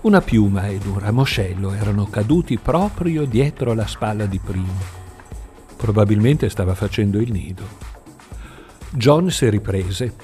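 A man reading a novel aloud as a narrator, in measured storytelling. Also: fairly low pitch, expressive, darkish tone, faint music behind. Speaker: audiobook narrator. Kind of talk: scripted narration.

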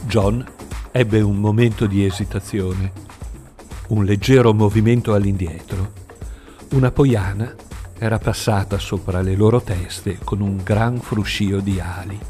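A man reading a novel aloud as a narrator, in measured storytelling. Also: on the low side, fairly even intonation, dark tone, soft background music. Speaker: audiobook narrator. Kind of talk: scripted narration.

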